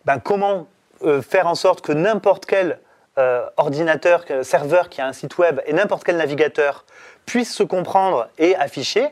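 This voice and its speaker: A man's voice: a little high, moderate pace, a little mellow. A middle-aged man, an interview guest, explaining in casual chat, rambling with many fillers and restarts.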